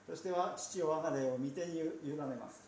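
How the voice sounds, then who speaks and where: A man's voice: a little high, a little fast, a little mellow, a little hiss or hum. A man preaching a sermon as a pastor, chatty and storytelling, with asides. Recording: roomy sound from a distance.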